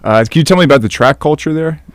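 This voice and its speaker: A young man hosting a casual interview podcast, asking relaxed questions full of "uh"s. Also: fairly high pitch, fast, no echo. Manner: relaxed, filler-heavy questions. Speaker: podcast host.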